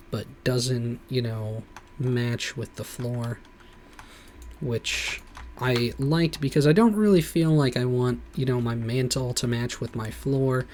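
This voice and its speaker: A man's voice: mid-range voice, a little hiss or hum. A man streaming a game, rambling casually with lots of "like" and "you know". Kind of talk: casual gameplay commentary.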